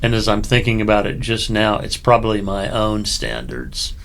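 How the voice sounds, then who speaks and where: A middle-aged man with a low, gravelly voice, co-hosting a relaxed podcast conversation. He talks in a reflective, unhurried way, pausing to think as he goes. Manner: thoughtful, reflective, unhurried with fillers. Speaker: co-host.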